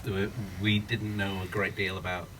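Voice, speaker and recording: A man's voice: low-pitched, little pitch movement, moderate pace, fairly bright tone. A man from the UK, a film's writer-director, earnestly thinking aloud at a post-screening Q&A in a screening room without a working mic. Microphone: no working mic, speaking up. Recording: distant room sound.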